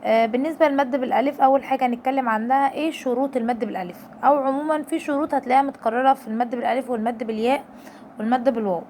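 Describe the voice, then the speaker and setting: A woman's voice: sits high, steady tone, very fast, a little mellow, a little hiss or hum. A woman with an Egyptian Arabic accent teaching a reading lesson to parents, explaining patiently and stretching out syllables to demonstrate.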